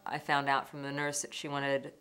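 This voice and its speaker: Woman, very low voice, candid reflective testimony, faint music beneath. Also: monotone, moderate pace, a bit bright. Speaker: interviewee telling her story. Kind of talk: personal documentary testimony.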